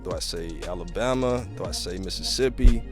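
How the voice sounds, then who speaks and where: A male podcast host with a fairly low voice asks questions easily and keeps affirming his guest. Faint music sits under the conversation. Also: fairly quick. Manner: easygoing, affirming, says "man" a lot. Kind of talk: casual podcast interview.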